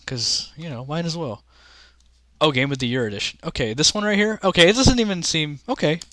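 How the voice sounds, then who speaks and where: A young streamer rambles casually to his chat, often restarting his sentences. His voice is on the high side, animated and brisk, with a sharp tone.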